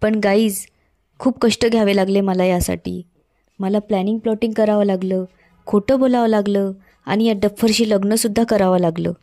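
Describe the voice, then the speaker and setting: A woman voicing a scheming young female villain from a TV serial, read in her own plain, even voice. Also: medium pitch, normal speed, no echo, close to an everyday voice. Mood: gloating.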